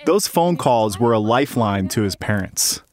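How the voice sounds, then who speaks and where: A male reporter narrating a documentary piece in a measured, reflective way. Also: on the low side, lively intonation.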